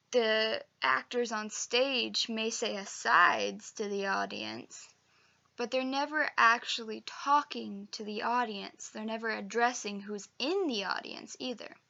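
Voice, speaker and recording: Young woman, acting coach type, chatty and emphatic, slightly high, bright voice. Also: fairly even intonation, takes it slowly, vocal fry, dull audio. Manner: chatty, emphatic, with fillers and self-corrections. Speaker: acting teacher. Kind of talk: casual instructional video.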